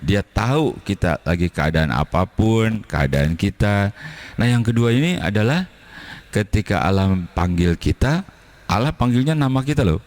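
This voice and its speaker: A man preaching a sermon at a church service in a relaxed, conversational way. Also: lowish voice, normal speed. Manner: relaxed conversational preaching, acting out quoted dialogue. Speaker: pastor.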